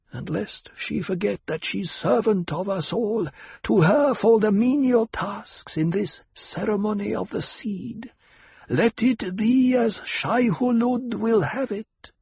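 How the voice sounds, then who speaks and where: A man voicing an ancient, frail but commanding woman priestess, with a harsh whispered voice and slow, solemn ritual intoning in an audiobook. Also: high-pitched, creaky, darkish tone, slightly rough, no echo, voice pushed up, heavily acted. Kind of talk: audiobook character voice.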